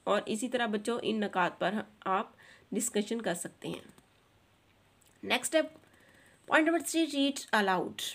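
A woman with a Pakistani accent teaching a textbook lesson, reading English lines slowly and carefully and then explaining them briskly. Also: medium pitch.

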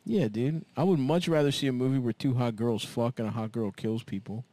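A young man co-hosting a podcast, giggling through crude banter and often swooping up into silly high voices. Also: fairly quick, dark tone, dry recording. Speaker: podcast co-host.

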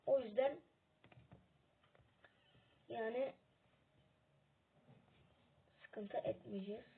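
Female gaming host, casual commentary with sudden excited yelling, slightly high voice, lo-fi phone-line sound. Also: very slow, gravelly, breathy edge. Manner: chatty, bursts into urgent excited shouting. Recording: tinny phone-like audio.

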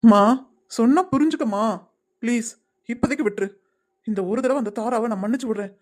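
A woman plays an earnest young son in a cartoon series who begs his mother to drop a matter. He talks in a high, quick voice that keeps pressing his case. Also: a little mellow, close to an everyday voice. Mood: pleading. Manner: earnest, pleading. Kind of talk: animated web series voice acting.

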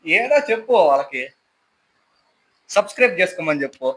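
A man filming a prank vlog on a phone at home, loudly and insistently calling out to his friend and teasing him. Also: high-pitched, big pitch swings, a little fast, low-quality recording. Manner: loud, insistent, repeats calls and commands. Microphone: phone camera.

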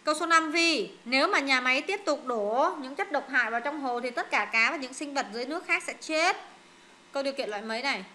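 A woman tutor with a high, bright voice runs students through exam questions. She is brisk and directive. She corrects wrong answers firmly and keeps the drill moving. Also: lively intonation, a little hiss or hum. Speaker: English tutor.

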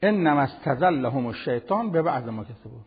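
Husky older man teaching in a hall. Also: mid-range voice, dull audio. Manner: animated, conversational preaching with everyday examples. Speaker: Quran teacher. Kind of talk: televised religious lesson.

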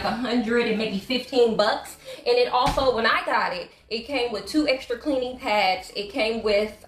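Cleaning up at home, a woman vlogger gossips in a relaxed way with her audience, whom she addresses as y'all. A camera set across her hardwood-floored living room picks up an echoey sound, and her fairly high voice comes across a little bright.

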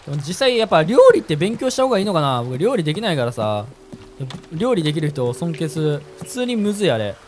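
A man's voice: a little high, very animated, quick pace. A young man chatting casually and reacting jumpily as he plays a horror game, with game music behind.

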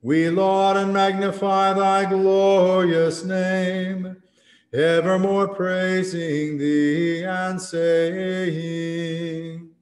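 A man leads a church service in slow, measured, solemn recitation and chant, his voice set a little high for a man. He is heard from a distance in a large church, wrapped in a roomy cathedral echo with a long reverb tail. Faint organ music sits behind him. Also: little pitch movement. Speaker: priest leading a service.

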